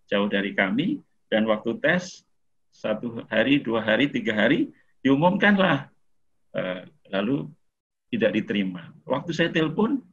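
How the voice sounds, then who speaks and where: A man's voice: on the low side, husky. A middle-aged man giving a casual lecture to an online audience as a webinar speaker, talking in a conversational way with frequent "eh"s and light chuckles. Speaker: webinar speaker on mental health. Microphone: video call. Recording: muffled lo-fi video-call audio.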